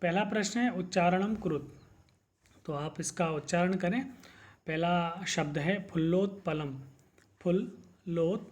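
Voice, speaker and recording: A man teaching a Sanskrit lesson to school students, going through the exercises and repeating each word slowly three times so the class can copy it. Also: high-pitched.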